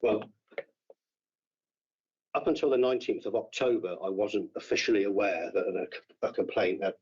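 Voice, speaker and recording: A man answering questions at a formal council hearing, halting and repeating his words as he defends himself. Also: fairly low pitch, darkish tone, slightly rough. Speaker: councillor under investigation. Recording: dull lo-fi meeting room audio.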